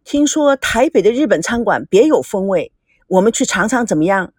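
A woman's voice: medium pitch, big pitch swings, normal speed, a little mellow, husky, no room sound, studio quality. A woman doing a teasing young businesswoman. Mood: playful. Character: charming young businesswoman, playful and flattering.

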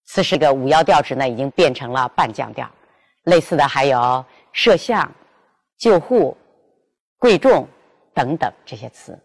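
A woman teaching pronunciation, carefully and deliberately sounding out each example. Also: a bass voice, animated. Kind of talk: instructional lesson with spoken examples.

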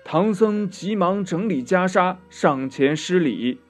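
A man narrating a children's story in a slow, expressive telling style. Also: sits high, faint music behind. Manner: slow, expressive, drawn-out "呀" endings.

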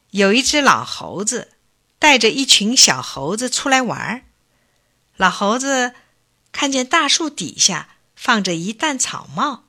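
A woman reading a children's fable aloud in an expressive, deliberate way. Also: fairly high pitch. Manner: expressive, slow and clearly paced. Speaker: storyteller.

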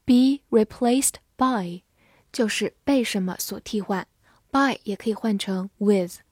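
Woman vocabulary teacher, unhurried, spells words out, dry close sound. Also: medium pitch, husky, dry recording. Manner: spells words letter by letter and reads example sentences slowly. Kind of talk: scripted vocabulary lesson.

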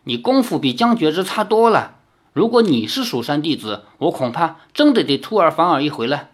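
A reader voicing an arrogant, towering male demon emperor in an audiobook, talking in a loud, haughty way. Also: very animated, brisk. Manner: loud, haughty, booming laugh. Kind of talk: dramatic audiobook character voice.

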